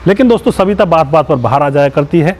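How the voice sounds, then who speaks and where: Male channel host, somewhat high voice, narrates a true crime case straight to the audience, keeps calling them friends and moralizes. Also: expressive, quick pace, darkish tone. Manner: keeps addressing viewers as friends; moralizing, asks viewers for opinions. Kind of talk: retelling a true crime story to viewers.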